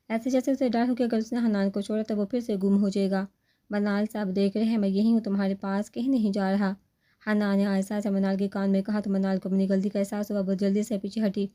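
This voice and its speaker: A woman narrating a romantic story in a steady, even reading manner. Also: mid-range voice.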